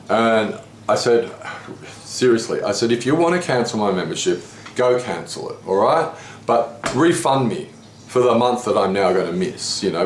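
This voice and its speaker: Man, lowish voice, lively storyteller, echoey room with faint noise. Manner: animated retelling, voicing others with rising pitch. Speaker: interviewee telling a story. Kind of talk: casual storytelling conversation.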